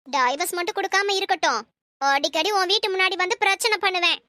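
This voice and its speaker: Cartoon: a harsh, threatening middle-aged mother, very high and bright, dry. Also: fast, no echo. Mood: angry. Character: furious scolding middle-aged mother of a groom. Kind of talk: cartoon story voice acting.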